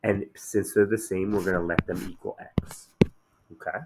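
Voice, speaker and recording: With a low voice at normal speed, a man gives a relaxed, chatty math lesson, checking in often with "okay?", his throat slightly hoarse after a day of shouting. The recording is very noisy.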